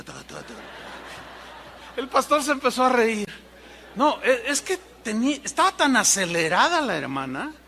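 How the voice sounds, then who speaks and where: A man preaching, telling humorous anecdotes in an animated way and imitating sounds. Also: extremely high pitch, slight background noise. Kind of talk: sermon storytelling.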